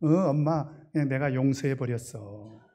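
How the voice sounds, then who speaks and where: A man's voice: medium pitch, normal speed, warm tone, voice pushed down, natural voice. A man voicing a nonchalant little boy. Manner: nonchalant, matter-of-fact. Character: cheeky little boy, unbothered after a fight.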